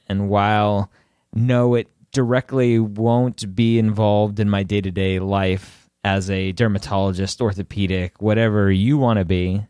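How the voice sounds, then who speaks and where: A man in his thirties co-hosting a podcast, joking and halting, often repeating words as he talks. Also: fairly low pitch, darkish tone, smooth, dry recording, clean studio sound. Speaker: podcast co-host. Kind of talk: casual podcast chat.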